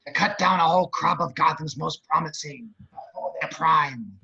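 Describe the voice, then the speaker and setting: A man playing a crude, theatrical, vengeful villain with a raspy, gravelly voice and sneering, drawn-out taunts in an amateur script reading. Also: a little high, pushed and bright, lo-fi sound, heavily acted. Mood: gloating. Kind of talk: amateur table read of a film script.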